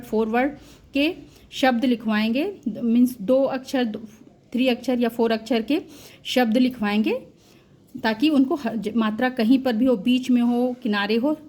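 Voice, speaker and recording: A woman with a high voice walks listeners through a phonics lesson at a very unhurried pace. She stretches out each syllable and example word with care. English words slip naturally into her Hindi explanations. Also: darkish tone. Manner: drawn-out, careful sounding out of syllables. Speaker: teacher. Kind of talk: slow Hindi phonics lesson for parents and teachers.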